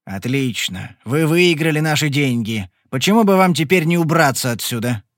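A man voicing a gruff, menacing middle-aged gambler in an audiobook, low and growling. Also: expressive, normal speed, dry recording, clean studio sound, lightly acted. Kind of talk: audiobook character voice.

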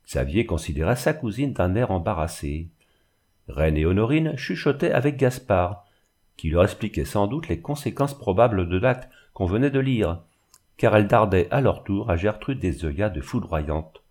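A man reading a classic novel aloud in a steady, literary narration. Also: on the low side, normal speed. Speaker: audiobook narrator. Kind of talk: scripted narration.

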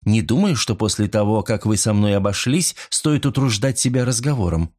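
A man voicing a polite young woman who grows sharp and indignant, in a storybook reading. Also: fairly low pitch, normal speed, close to an everyday voice. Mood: guarded, polite.

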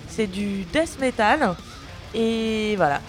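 A woman's voice: fairly high pitch, animated, slow, faint music behind. A woman co-hosting a rock radio show, chatting in wry, teasing banter.

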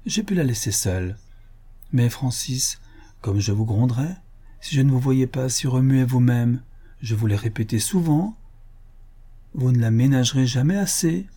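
A man playing a tender older mother, affectionate, pleading, mellow, breathy. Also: mid-range voice, expressive, normal speed. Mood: worried. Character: tender aging mother, gentle countess. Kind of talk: audiobook character reading.

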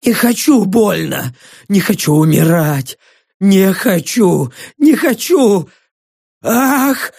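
A man's voice: high voice, sing-song, extremely slow, gravelly, a little mellow, breathy edge, no echo, clean studio sound, heavily acted. A man voicing a dying male prisoner in agony who screams, sobs and curses in terror. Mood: sobbing. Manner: screaming, sobbing, begging.

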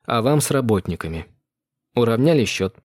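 A man's voice: mid-range voice, animated, normal speed, a little mellow, no room sound, studio quality, lightly acted. A man voicing a cornered but defiant young man in an audiobook, wry and cautious.

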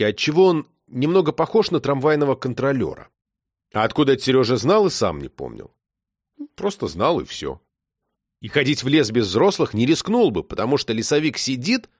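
A man narrating a children's story aloud with expressive delivery. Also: mid-range voice, dry recording, studio quality. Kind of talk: audiobook reading of a children's story.

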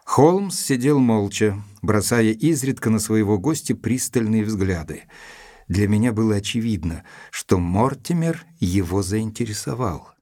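An actor playing a composed, observant male doctor who narrates a detective story in an audio drama, in a measured, descriptive way. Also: fairly low pitch, lively intonation, mellow. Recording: instrumental music under the voice.

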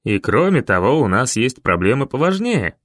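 A man voicing a calm, stern older leader who speaks in a measured, grave way. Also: medium pitch, dry recording, studio quality.

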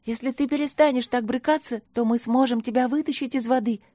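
A woman's voice: on the high side, fairly even intonation, fairly quick, dark tone, dry recording, clean studio sound, pitched above the performer's own voice, close to an everyday voice. A woman voicing a worried female fairy who talks in an anxious, raised voice.

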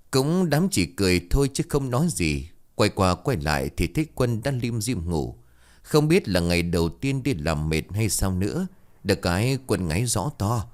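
Low-voiced male ghost story narrator. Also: a little mellow.

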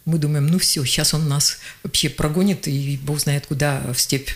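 As a radio interview guest, an older journalist and geologist spins lively anecdotes, performing the voices of the people she quotes. She has a deep voice and talks at normal speed.

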